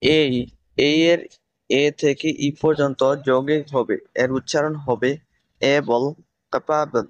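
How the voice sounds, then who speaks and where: A man teaching English pronunciation, reciting letters in a steady, list-like way. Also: on the high side, a little slow, no room sound, rough recording. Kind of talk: scripted pronunciation lesson.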